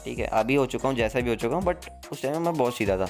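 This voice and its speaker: A man's voice: medium pitch, expressive, fast, soft background music. A man casually telling a story from his school days to his channel's viewers, chatty and mixing in slang and English words. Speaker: vlogger.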